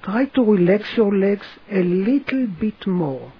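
A person guiding a relaxation session in a soothing manner, giving gentle instructions with long pauses. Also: mid-range voice, animated, husky, highs cut off. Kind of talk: guided relaxation narration.

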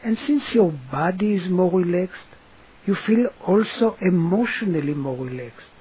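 A person guiding a relaxation session in a soothing manner, giving gentle instructions with long pauses. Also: mid-range voice, lively intonation, husky, lo-fi sound. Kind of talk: guided relaxation narration.

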